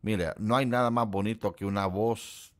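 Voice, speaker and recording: A man's voice: fairly even intonation, moderate pace. A middle-aged man from Central America hosting a livestream, chatting casually with his viewers and teasing them. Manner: chatty, jokes and teases his chat; quotes people in a put-on high voice. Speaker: livestream host. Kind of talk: casual chat with live viewers.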